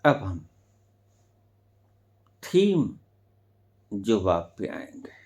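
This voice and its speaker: Slow, deep-voiced spiritual teacher, man. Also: big pitch swings. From India. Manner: slow, deliberate, sudden loud emphatic rises. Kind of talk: spiritual discourse.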